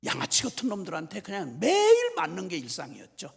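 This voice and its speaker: Husky gravelly guy preaching a revival sermon, high voice that swings all over, jokey storytelling, big church echo. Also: fast. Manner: animated storytelling with humor and mimicry. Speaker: missionary preacher. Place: church sanctuary. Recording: long reverb of a church hall.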